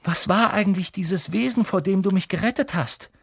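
A bewildered young boy asks halting questions, voiced by a man reading an audiobook. The voice is lifted higher than the reader's own, unsure and hesitant. The recording is dry and close. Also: vocal fry, slightly rough, no echo, exaggerated voice. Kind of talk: audiobook character voice.

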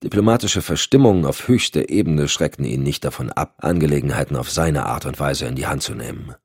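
A man narrating an audiobook thriller in a steady, measured way. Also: a bass voice, gravelly, breathy edge, dry recording, studio quality. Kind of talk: scripted narration.

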